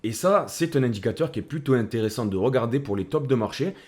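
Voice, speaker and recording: A man's voice: medium pitch, expressive, quick pace, a little mellow. A man hosting a casual crypto commentary, speaking in a chummy way that addresses the viewer as a buddy. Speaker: crypto video host.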